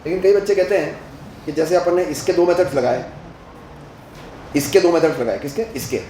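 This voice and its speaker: A man's voice: fairly high pitch, fairly quick, warm tone, echoey room, slight background noise, poor audio. A male physics teacher lecturing at a board, asking the class questions as he works through each step and mixing Hindi with English terms.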